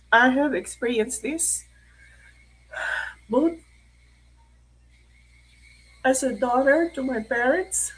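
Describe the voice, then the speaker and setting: A middle-aged Filipino woman speaks slowly on a live stream in a high, breathy voice. She is tearful and keeps clearing her throat. She slips Tagalog phrases into her talk. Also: low-quality recording. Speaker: online mentor hosting a live stream. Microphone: live stream mic.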